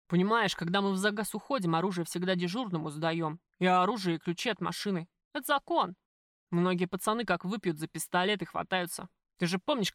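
A woman voicing a crude, jealous male mob boss who talks loudly and bossily in an audiobook. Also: lowish voice, no echo, studio quality, natural voice. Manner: loud, coarse, bossy.

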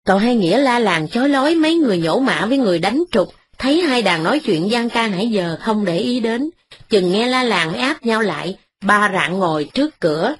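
A woman reading an audiobook as narrator, in a calm, even storytelling manner. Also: mid-range voice, husky.

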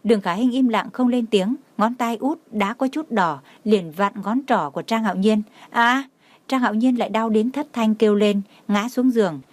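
A woman's voice: on the high side, moderate pace, hardly any pauses, darkish tone, no room sound. Woman reading an audio novel. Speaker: narrator.

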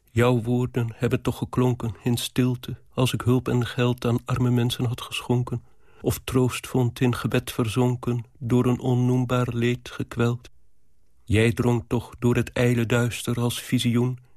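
A man reading aloud as a lovesick, anxious young woman, in a low, earnest, pleading tone. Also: a little mellow, no echo, clean studio sound.

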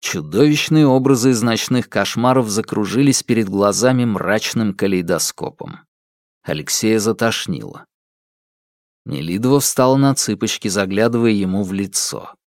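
A man with a lowish voice narrates an audiobook in steady reading. The sound is dry and close to the mic. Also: normal speed, no echo.

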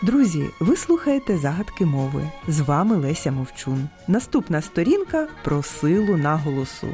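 A woman hosting a scripted radio program on language, reading clearly and stressing words with care. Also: sits low, normal speed, loud music behind the voice. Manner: clear, careful stress on words, lively read-aloud quotes. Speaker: radio host. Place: radio studio.

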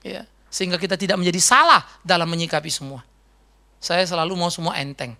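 A middle-aged man preaching a sermon as a pastor, in a conversational, animated way. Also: sits high, a little fast. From Indonesia. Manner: conversational, animated storytelling with mimicked voices.

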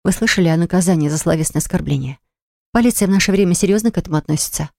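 A woman's voice: lowish voice, rapid-fire, gravelly, mellow, no echo, studio quality. A woman voicing an indignant young woman baker who speaks in a shaky, upset voice.

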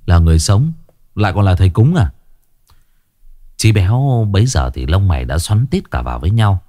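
Lively male ghost story narrator. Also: deep voice, no room sound, clean studio sound.

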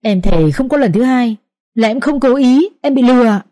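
A woman voicing a young servant woman who cries and begs for mercy in a high, wailing voice. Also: animated, moderate pace, dark tone, natural voice. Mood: tearful pleading. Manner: wailing, begging. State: crying. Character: young servant woman caught in adultery, pleading.

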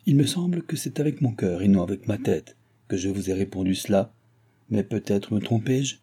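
A man's voice: fairly low pitch, expressive, moderate pace, warm tone, slightly rough. A man voicing a proud, jilted young woman who speaks indignantly and pleads in a read-aloud novel. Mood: wistful.

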